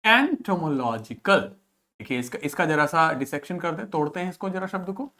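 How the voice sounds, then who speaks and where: A woman teaching a vocabulary lesson to students, explaining terms, asking check questions and repeating each word slowly for pronunciation practice. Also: low voice, a bit bright. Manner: drills pronunciation by slow repetition; asks rhetorical check questions.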